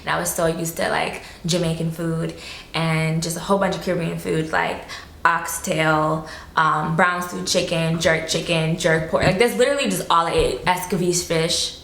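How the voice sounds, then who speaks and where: Gravelly-voiced woman chatting casually. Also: low voice, steady tone, normal speed, a bit bright, reverberant, slight background noise. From South Florida. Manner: loose and chatty, full of fillers and casual swearing. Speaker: interview guest. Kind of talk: casual interview chat.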